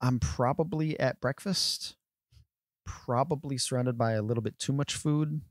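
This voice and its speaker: A man's voice: medium pitch, unhurried, dry recording, clean studio sound. A man playing his character in a tabletop game, jovial and easygoing. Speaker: player.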